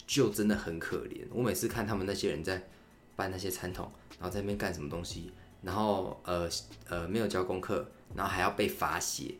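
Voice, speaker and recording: A young man, hosting a podcast and telling a story in a candid, rambling, chatty way. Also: low voice. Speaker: podcast host. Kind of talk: casual solo storytelling.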